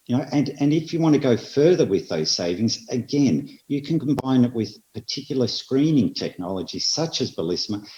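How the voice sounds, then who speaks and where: An Australian man presenting at an industry seminar, speaking in a measured way and hitting repeated phrases with emphasis. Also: medium pitch, a little mellow. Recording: roomy, slightly dull audio.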